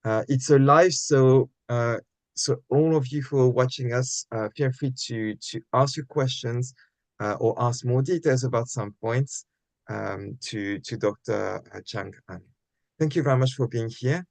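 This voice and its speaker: A man's voice: mid-range voice, a little slow, vocal fry, no echo. A man hosting a live online interview, welcoming and introducing his guest in a polite, formal way. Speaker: host.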